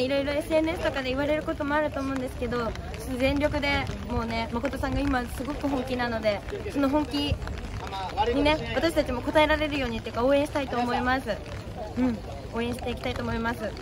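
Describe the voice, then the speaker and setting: A young woman with a high voice speaks in a casual interview outdoors. She is earnest and a little bashful, giggly in her delivery. Busy street sound surrounds her. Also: fast, a crowd in the background. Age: young adult. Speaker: election campaign announcer being interviewed. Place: outdoors on a city street at evening.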